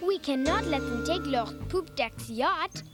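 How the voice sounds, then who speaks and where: A brave, bossy little schoolgirl for a cartoon. Her voice is high and bouncy. She speaks slowly and earnestly. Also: animated, over loud music. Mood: determined. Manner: earnest, commanding. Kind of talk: cartoon voice acting.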